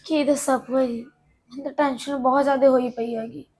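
A woman's voice: sits high, steady tone, fairly quick, darkish tone, slightly rough. An actress playing a worried young married woman who pours out her anxieties to her aunt in a Punjabi drama. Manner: anxious, pleading.

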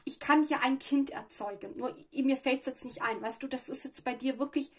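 Seated at a table in what sounds like a small room, an Italian-native tarot reader walks through a spread on camera. Her voice is breathy and fairly high, and she chats casually, hunting for words and adding little "ja" fillers.

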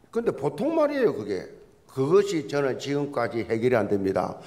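A man's voice: a little high, darkish tone. A man preaching a Sunday sermon in a church, a pastor with a folksy, joking storytelling manner. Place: church sanctuary.

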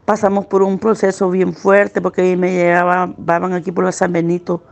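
A middle-aged woman gives earnest, pained personal testimony as a witness, slowing down at the hardest parts. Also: lowish voice, monotone, creaky, darkish tone, muffled recording. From El Salvador. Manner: earnest, pained recounting, slowing at hard moments.

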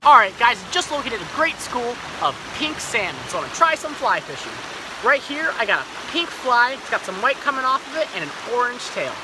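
A man in his thirties talking casually to an action camera while fishing on a riverbank, breaking into excited exclamations over each catch. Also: very high-pitched, a little fast. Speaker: fishing vlogger. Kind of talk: casual outdoor vlog commentary. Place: riverbank outdoors. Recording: loud river and outdoor noise.

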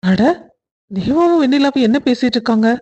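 A woman's voice: on the high side, animated, fairly quick, darkish tone, pitched below the performer's own voice. A woman voicing a kindly middle-aged man in a cartoon story, who mutters to himself in puzzlement. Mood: puzzled.

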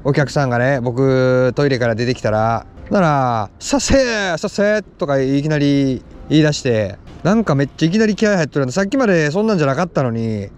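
A young man with a Kansai accent chatting excitedly while fishing outdoors on a lake, with quick exclamations. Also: medium pitch. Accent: Kansai Japanese. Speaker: fishing vlogger. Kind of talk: casual commentary while fishing.

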